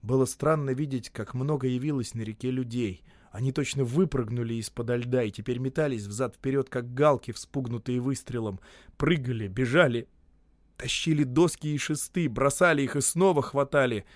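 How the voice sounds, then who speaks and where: A man giving a measured, scripted reading of a literary story. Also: mid-range voice, dry recording. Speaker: narrator.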